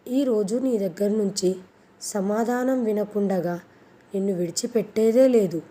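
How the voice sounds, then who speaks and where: Angry young husband, insistent, loud raised voice, dark mellow tone, a woman reading him aloud. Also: mid-range voice, normal speed, natural voice. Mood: demanding.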